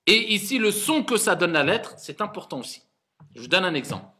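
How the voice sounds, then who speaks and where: A male imam leads a reading class with a bright, fairly high voice. He coaxes his students along and repeats each sound so they can echo it back. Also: big pitch swings, a little fast. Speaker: imam teaching Arabic reading. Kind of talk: classroom lesson.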